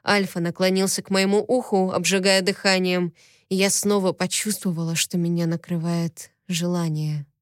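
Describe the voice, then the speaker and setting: Brief: woman audiobook narrator, first person, steady and expressive, dry close mic. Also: fairly low pitch, normal speed, dry recording.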